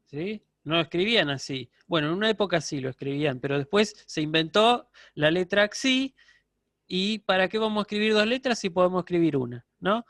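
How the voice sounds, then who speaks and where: A man's voice: high voice, lively intonation, brisk, a bit bright, no echo, clean studio sound. A man giving a university lecture online, explaining step by step and checking in with his students. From Argentina.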